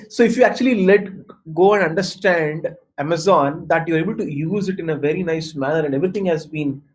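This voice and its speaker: A man's voice: fairly high pitch, poor audio. A man with an Indian accent giving an explanatory talk as a workshop mentor, emphatic and repetitive, often checking in with his listeners. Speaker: workshop speaker, design mentor. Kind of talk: explanatory talk answering questions.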